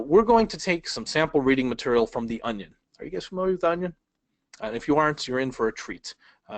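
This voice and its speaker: A man teaching a speed reading webinar from a laptop, talking conversationally, asking the audience questions and changing his pace and loudness for emphasis. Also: a little high, no echo, poor audio. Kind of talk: webinar lesson. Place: indoors at a laptop.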